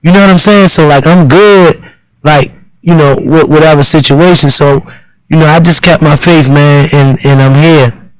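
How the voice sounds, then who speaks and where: Earnest Baltimore man, slightly high. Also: steady tone, normal speed, clear, resonant tone, no room sound, poor audio. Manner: earnest, insistent, repeats himself. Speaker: guest rapper. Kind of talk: casual interview chat.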